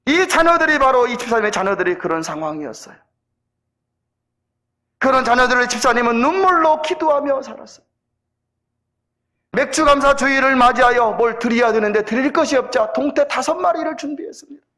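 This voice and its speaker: Male pastor, high voice, emphatic sermon storytelling, church service. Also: lively intonation. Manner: emphatic storytelling, rising loud at peaks, slowing into solemn closing. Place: church sanctuary.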